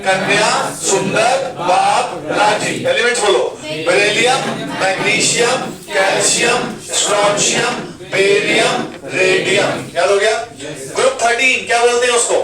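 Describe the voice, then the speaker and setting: A man with a high-pitched voice teaches chemistry to a class at a moderate pace, quizzing students and chanting memory lines for the elements. Loud music plays behind him, and the room is echoey, with the mic far off and class noise audible.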